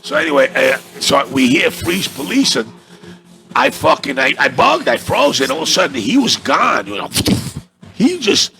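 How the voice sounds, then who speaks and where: A man's voice: fairly high pitch, huge pitch swings, moderate pace, vocal fry, bright, forceful tone, soft background music. A middle-aged man with a New York accent, a comedian telling a profane, rambling story with stammers in a cafe interview. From Astoria, Queens, New York. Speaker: comedian guest.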